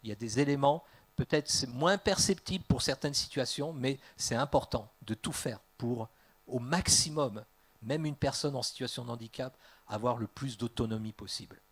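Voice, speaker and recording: A French man, a pastor, preaching a sermon in a lively way, joking, laughing at his own asides and acting out the people he quotes with sudden loud bursts. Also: medium pitch, normal speed. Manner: animated, acts out quoted voices with big jumps in loudness.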